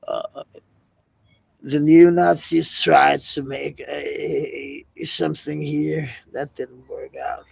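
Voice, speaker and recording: A man's voice: on the high side, level tone, takes it slowly, gravelly, darkish tone, husky, no room sound. A Danish man with a Danish accent chatting casually on a livestream, rambling, swearing freely and breaking into laughter often. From Denmark.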